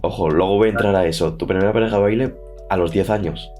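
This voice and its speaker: A man hosts a relaxed podcast chat, asking questions in an upbeat, encouraging way. His voice sits fairly low. Faint music plays underneath. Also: fast. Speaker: podcast host. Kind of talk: casual podcast interview.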